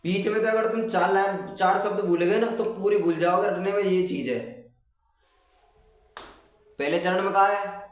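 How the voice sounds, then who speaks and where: A man's voice: sits high, fairly even intonation, normal speed, long pauses. A young man, giving casual, rambling exam tips to students he calls brother. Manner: chatty, addresses viewers as brother, rambling. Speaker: exam tips video host. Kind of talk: casual exam-prep talk. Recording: echoey room, far from the mic.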